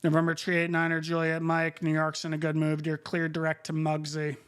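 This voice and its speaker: Even-toned man working air traffic control radio. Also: fairly high pitch, a little fast, clear, resonant tone.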